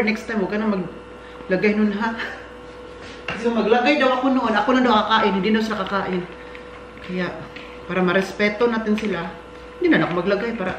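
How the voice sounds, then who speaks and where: A woman from the Philippines, rambling chattily as she cooks and talks to her viewers. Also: mid-range voice. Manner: rambling, chatty, laughs often. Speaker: vlogger. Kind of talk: casual cooking chat. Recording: echoey room with loud background noise.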